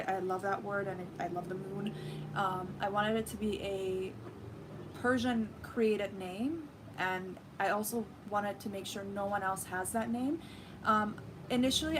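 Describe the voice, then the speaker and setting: Seated indoors in a living room with a red sofa, a young Farsi-speaking host from Iran talks casually to her stream's viewers. Her voice is mid-range, her speech heavy with fillers, and there's background noise.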